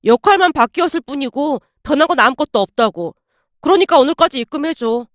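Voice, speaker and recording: A woman voicing a smug, condescending young husband in a dramatized story, talking down calmly and later shouting insults. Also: high-pitched, a little fast, dry recording, clean studio sound. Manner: calm and patronizing, then shouting insults.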